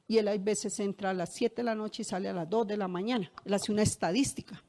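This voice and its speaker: A woman's voice: mid-range voice, steady tone, fast, warm tone, slight background noise. A middle-aged woman pastor, preaching a sermon in a conversational way and asking the congregation rhetorical questions. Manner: conversational, shares personal anecdotes.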